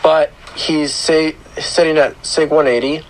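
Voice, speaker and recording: Guy doing a chill game account tour, rough grating voice like a sore throat, kinda slow and halting. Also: on the high side, fairly even intonation, low-quality recording. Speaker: gaming channel host. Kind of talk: casual video game account tour commentary.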